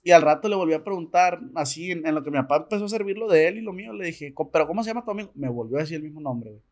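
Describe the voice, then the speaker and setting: A man's voice: on the high side, racing. A man with a Mexican accent, a podcast guest telling a story in casual slang and acting out the dialogue. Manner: slangy, animated, acts out quoted dialogue.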